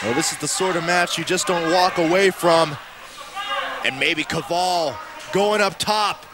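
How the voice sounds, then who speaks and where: High-pitched, excitable male wrestling commentator. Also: unhurried. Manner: emphatic, exclamatory calls with dramatic repetition. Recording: loud arena crowd noise behind. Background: roaring wrestling crowd.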